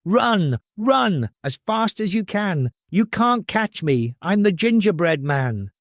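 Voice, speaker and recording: A cheeky little gingerbread man, acted out by a man for a storybook fairy tale. The voice is pitched up and lively, with a boastful, taunting lilt. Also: a little slow, dry recording, studio quality. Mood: cheeky boasting. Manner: taunting, sing-song.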